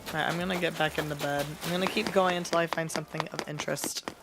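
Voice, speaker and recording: A young adult woman streaming from home, chatting candidly with a raspy, sick voice and clearing her throat now and then. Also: low voice, steady tone, fast, noisy background. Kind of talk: casual live-stream chat. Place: at home, near bed.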